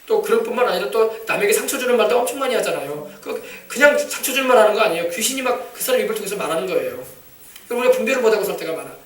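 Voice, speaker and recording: A man preaching a sermon, emphatic and shouting commands at demons, often asking the congregation for replies. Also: sits high, lively intonation, rapid-fire. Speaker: pastor. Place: church sanctuary. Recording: echoey church, mic from a distance.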